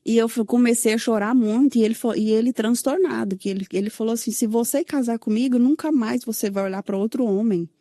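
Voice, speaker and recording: Brief: São Paulo woman, higher-pitched but mellow tone, close and dry mic, telling her own testimony. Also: brisk, few pauses, no echo. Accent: Brazilian Portuguese, São Paulo. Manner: recounts with many "né?" tags and quoted dialogue. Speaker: guest sharing her testimony. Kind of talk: emotional personal testimony.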